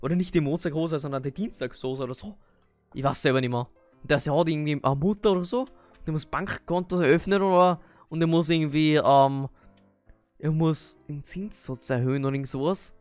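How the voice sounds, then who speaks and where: A man's voice: fairly high pitch, brisk, darkish tone, soft background music. A man with an Austrian accent playing a Minecraft role-play, talking with many hesitant fillers and breaking into panicky yelps. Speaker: gamer.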